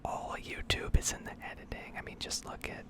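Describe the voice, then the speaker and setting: Here a woman who makes gaming ASMR content offers whispered, rambling game commentary. She improvises at a leisurely pace, hesitating often, her whisper breathy with a creaky edge.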